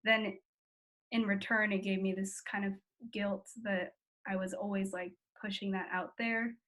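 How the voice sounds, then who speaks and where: Her mid-range voice is a bit bright, delivered flatly at a measured pace with an American accent. She's eighteen, Philippine-born and US-raised, the interviewee in a candid family conversation, reflecting on herself in youthful, informal talk heavy with "like".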